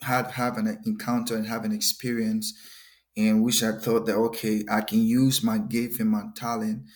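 A young Liberian man with a Liberian accent, a gospel musician talking earnestly in a podcast interview and often repeating words. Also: fairly low pitch. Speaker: gospel musician and worship leader.

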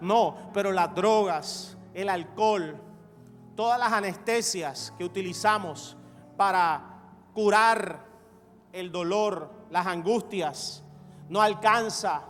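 A male pastor delivering an evangelical sermon, emphatic and repetitive, building to shouts. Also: sits high, slow pace. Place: church sanctuary. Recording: reverberant hall with faint music.

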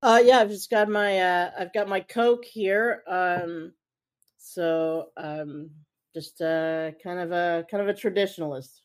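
Slow, thoughtful, low-voiced woman theologian. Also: fairly even intonation. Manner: thoughtful, hesitant with many fillers. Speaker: priest and theologian, interview guest. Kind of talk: interview answers.

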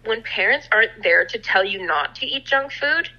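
A woman's voice: on the high side, lively intonation, moderate pace, sharp tone, dull audio. A young woman co-hosting a podcast, chatting casually and swearing freely. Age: young adult. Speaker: podcast co-host. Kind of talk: casual chat.

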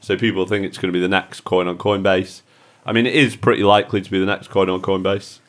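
A man's voice: low voice, little pitch movement, quick pace, a bit bright. A man co-hosting a crypto podcast, chatting casually and joking with friends. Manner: banterish, jokey, laughs often. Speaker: podcast co-host. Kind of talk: casual chat.

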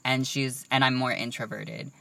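Gravelly chatty young man, a bit distant. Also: mid-range voice, fairly even intonation, moderate pace, bright, forceful tone. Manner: chatty, rambling, says "like" a lot. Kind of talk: casual chat.

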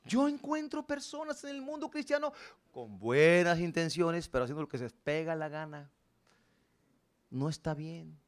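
A man's voice: a little high, big pitch swings, normal speed. A man preaching a sermon, telling the story dramatically and asking the congregation questions. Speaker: pastor.

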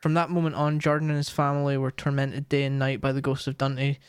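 Swearing young Scottish podcast host. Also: male voice, mid-range voice, completely flat delivery, fast, clean tone, dry recording, clean studio sound. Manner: swears often, laughs a lot. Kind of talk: casual chat and reading aloud.

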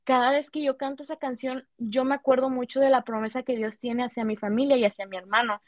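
A woman's voice: high-pitched, fairly even intonation, quick pace, dry recording. A young woman tells a heartfelt, emotional personal story in casual conversation, full of fillers. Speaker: guest sharing a testimony.

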